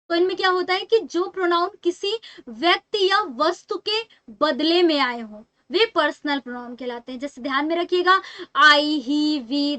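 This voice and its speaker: A woman's voice: extremely high pitch, pushed and bright, no echo. A young woman with an Indian accent teaching an English grammar class online, explaining step by step and answering her own questions.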